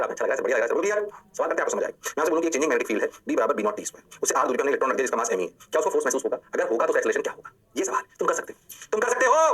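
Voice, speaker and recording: Fast, bright-voiced physics teacher. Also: male voice, mid-range voice, breathy edge. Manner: animated, playful catchphrases, rhetorical questions to students. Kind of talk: energetic online lecture.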